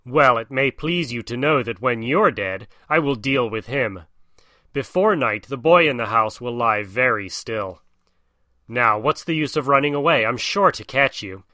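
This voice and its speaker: A man's voice: mid-range voice, lively intonation, unhurried, bright, forceful tone, no echo, studio quality. A man voicing a cold, vengeful female cobra who hisses her threats in a storybook reading. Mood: menacing. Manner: hissing, threatening.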